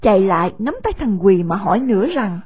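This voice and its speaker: A woman with a Southern Vietnamese accent narrating a story in an expressive storytelling way. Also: mid-range voice, a little fast, husky, dry recording, clean studio sound.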